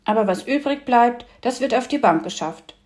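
A woman doing a gruff grumbling grandmother. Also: fairly high pitch, animated, normal speed, darkish tone, voice pushed up, natural voice. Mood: soothing. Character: old grandmother, gruff and dry-humored.

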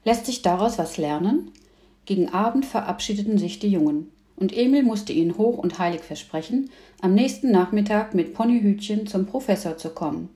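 Calm woman narrator reading a children's story aloud; roomy sound. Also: medium pitch, moderate pace. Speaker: audiobook reader. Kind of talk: scripted narration.

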